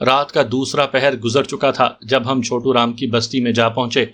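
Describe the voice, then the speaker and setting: A man reading a detective story aloud as scripted narration, doing all the characters in an even voice. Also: mid-range voice.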